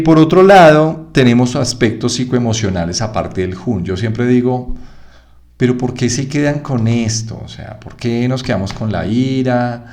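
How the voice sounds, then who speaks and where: Low gravelly Colombian man lecturing. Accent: Colombian Spanish. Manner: lively teaching, frequent "¿sí?" checks, acts out students' objections. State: one ear feels blocked. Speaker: acupuncture teacher. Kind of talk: online lecture.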